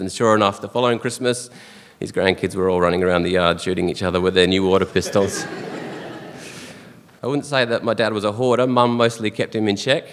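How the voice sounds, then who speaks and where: An Australian man giving a fond, earnest funeral eulogy for his father, with soft chuckles between memories. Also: low-pitched. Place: church or funeral hall. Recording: long hall reverb.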